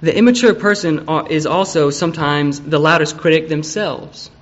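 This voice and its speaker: A man's voice: a little high, moderate pace, muffled recording. A man preaching an evening sermon in a conversational way, acting out the people he quotes.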